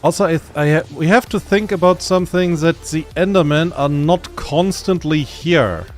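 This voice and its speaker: A man's voice: a little high, normal speed, faint music behind. A man from Germany with a German accent, chatting casually and rambling a bit while streaming a game, laid-back and self-deprecating. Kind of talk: casual gaming stream chat.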